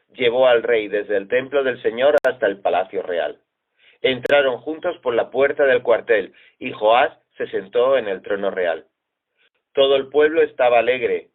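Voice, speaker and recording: Spanish man, mid-pitched, measured Bible reading, phone-quality audio. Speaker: Bible reader. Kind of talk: steady scripture reading.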